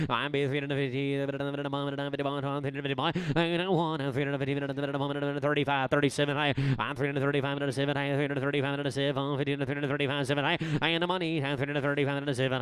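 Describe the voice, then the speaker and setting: Fast-chanting male livestock auctioneer. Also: on the high side, clear, resonant tone, no echo. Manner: rapid rhythmic number chant.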